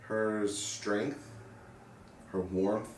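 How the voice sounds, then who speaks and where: A young man with a very low voice talks earnestly and reflectively in an interview, often stopping to find his words. He sits some way from the mic in a roomy space, with a faint hiss behind him. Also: steady tone, very slow. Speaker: interviewee, paramedic. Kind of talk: sit-down interview. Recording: roomy sound from a distant mic.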